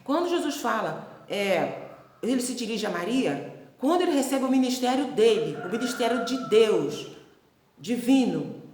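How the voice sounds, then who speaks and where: A woman preaches in a relaxed, conversational way, keeping her pitch high and lifting into little acted-out voices for the people she quotes. The room around her rings with echo. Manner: chatty, keeps checking in with listeners. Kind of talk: casual Bible teaching.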